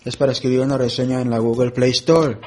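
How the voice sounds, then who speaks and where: A man presenting a relaxed tutorial, explaining app settings step by step and thinking aloud as he goes. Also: mid-range voice, quick pace, noisy background. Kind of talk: screen-reader app walkthrough.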